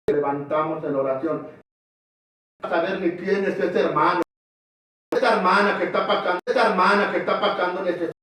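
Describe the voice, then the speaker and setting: A man's voice: high-pitched, a bit bright. A man preaching a sermon, emphatic and calling out to his listeners as brother again and again. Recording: very echoey, distant mic in a hall.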